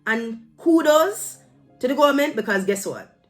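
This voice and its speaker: A Jamaican woman vlogger shares her opinion casually to camera in a Jamaican accent, emphatic and admonishing, dropping into Patois phrases. Her high voice is animated at a normal speed, with soft music in the background.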